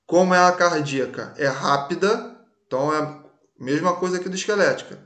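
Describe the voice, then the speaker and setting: A man's voice: fairly high pitch, fairly quick, fairly bright tone. A man teaching a recorded class in a casual way, often checking that students follow along. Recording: echoey room.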